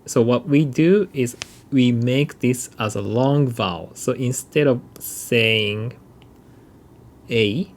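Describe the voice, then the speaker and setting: Male language teacher, unhurried delivery, gravelly edge, patient repeated examples. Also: medium pitch, darkish tone. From Japan. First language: Japanese. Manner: explains patiently, repeating and drawing out example sounds. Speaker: Japanese language instructor. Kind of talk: recorded mini-lecture.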